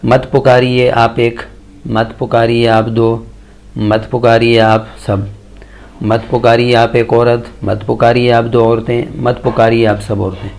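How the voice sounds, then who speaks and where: A man teaching Arabic verb conjugations in a slow, measured lesson, reciting tables one form after another. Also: medium pitch, little pitch movement, gravelly, a little mellow. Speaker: Quran and Arabic grammar teacher.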